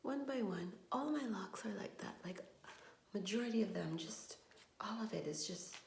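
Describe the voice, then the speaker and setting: A woman vlogs from her home bathroom on her phone camera, her casual monologue rambling, frustrated, and trailing. Medium-pitched with vocal fry, she sounds animated at a moderate pace. The echoey bathroom recording has slight background noise.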